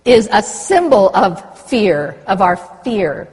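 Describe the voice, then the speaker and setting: A woman's voice: medium pitch, sing-song, slow pace, a little mellow, slightly rough. An older woman giving a conference speech, reading treaty points aloud and adding impassioned, blunt asides. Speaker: conference speaker. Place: conference hall. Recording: lecture hall with long reverb.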